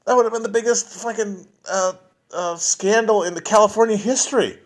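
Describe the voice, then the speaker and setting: Alone at home at a phone or computer, a podcast host chats casually on a livestream, answering chat. He rambles and swears, full of restarts and trailing asides. His voice is high-pitched and fairly quick.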